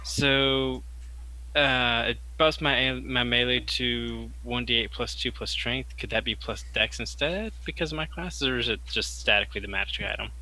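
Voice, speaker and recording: A man with a very bright, tense voice of medium pitch talks casually as a player in a tabletop game. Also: normal speed, low-quality recording.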